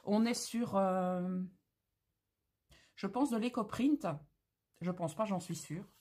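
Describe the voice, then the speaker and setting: With gushing, slangy exclamations, a craft channel host talks casually through an unboxing. She speaks slowly at a medium pitch with a darkish tone.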